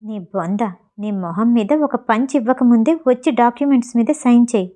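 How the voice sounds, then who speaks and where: A woman's voice: a little high, natural voice. A woman reading the lines of a young actress who is anxious and blunt. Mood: annoyed. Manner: expressive, quick to irritation.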